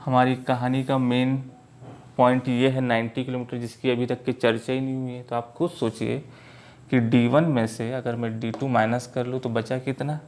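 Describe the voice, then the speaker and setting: A man teaching math at a board, speaking slowly and often checking that his students follow. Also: mid-range voice, flat delivery, a little mellow. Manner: slow, repeats "clear?" checks to students. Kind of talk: board lesson in Hindi mixed with English.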